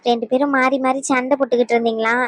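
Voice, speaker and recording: A woman voicing a caring older mother in a dubbed cartoon, coaxing and hesitant, gently scolding her son. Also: high voice, flat delivery, rapid-fire, no room sound, natural voice. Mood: motherly.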